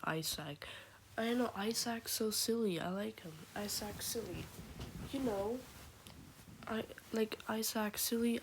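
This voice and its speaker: Woman vlogger, under the weather, quiet gushing ramble with half-whispered asides, slightly low voice. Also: noisy background. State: sick, talking quietly. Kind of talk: casual fandom chat.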